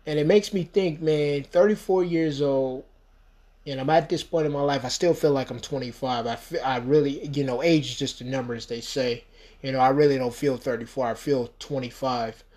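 With a medium-pitched, steady, slightly mellow voice at an ordinary pace, an American man in his thirties hosts a one-person podcast. The monologue is rambling and emphatic, loaded with "you know."

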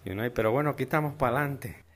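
A man's voice: medium pitch, rapid-fire. A man with a Venezuelan accent hosting a casual solo podcast, rambling and joking in heavy slang. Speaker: podcast host.

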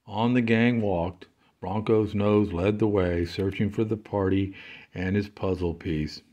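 A man narrating a children's storybook in a gentle, unhurried reading voice. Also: lowish voice, steady tone.

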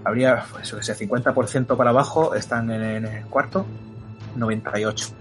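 A man's voice: medium pitch, fairly quick. Spanish man narrating as game master. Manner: descriptive, steady, full of fillers. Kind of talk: narrating a horror tabletop game. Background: background music.

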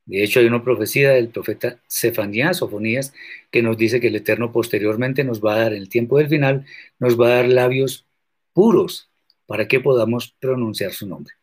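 A man teaching scripture in a measured, deliberate way, answering viewer questions and stressing points with sharp questions. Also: mid-range voice, husky. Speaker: religious teacher.

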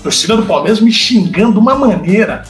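High-voiced man telling an animated story. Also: quick pace, reverberant, faint music behind. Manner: animated anecdote-telling, acts out quoted dialogue. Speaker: sports reporter guest. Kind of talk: casual storytelling chat.

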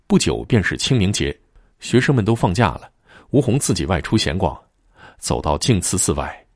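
Man, storyteller, dramatic ghost story narration, husky voice, dry recording. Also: low-pitched, no echo. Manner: dramatic, expressive.

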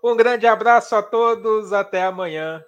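A man's voice: high voice, normal speed. A man with a Brazilian Portuguese accent, hosting a sports show, signing off and teasing his colleagues in an upbeat way. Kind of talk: sign-off and announcements.

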